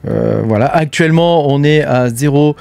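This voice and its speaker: Casting note: a man hosting, fairly high voice, casual chatty roundup, dry close mic. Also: normal speed, gravelly, a little mellow, no room sound. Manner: chatty, frequent filler tags and hesitations. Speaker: crypto mining channel host.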